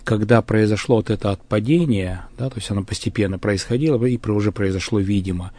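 A man in a religious discussion, speaking haltingly with many fillers and restarts. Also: lowish voice, warm tone.

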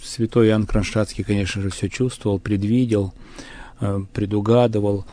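A man in a religious discussion, speaking haltingly with many fillers and restarts. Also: on the low side, level tone, warm tone.

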